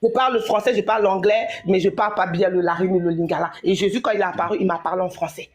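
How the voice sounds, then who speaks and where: A woman's voice: mid-range voice, fairly even intonation, fast talker. A woman from Congo-Brazzaville, talking insistently and preachily in a heated chat, repeating herself. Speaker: guest.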